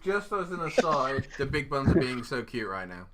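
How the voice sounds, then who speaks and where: A man's voice: mid-range voice, very animated, normal speed, a crowd in the background. A man hosting a tabletop role-playing session, greeting everyone and teasing the other players. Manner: upbeat, teasing, theatrical greetings. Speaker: host and player. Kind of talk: casual tabletop game chat.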